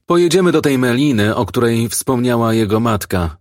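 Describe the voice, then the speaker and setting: A man's voice: medium pitch, animated, moderate pace, dry recording, studio quality, voice pushed up, lightly acted. A man voicing a brusque police officer who talks bluntly and matter-of-factly, in an audiobook. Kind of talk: audiobook character voice.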